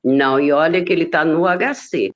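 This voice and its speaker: A woman on a video call sharing news in an earnest, measured way. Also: low voice. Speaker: study group member. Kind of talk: casual chat.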